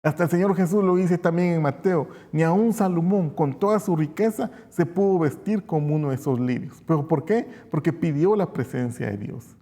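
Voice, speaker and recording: A man's voice: a little high, normal speed, hardly any pauses, dark tone. A man with a Guatemalan accent preaching a sermon, explaining step by step and answering his own rhetorical questions. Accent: Guatemalan Spanish. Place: church. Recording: long reverb of a church hall.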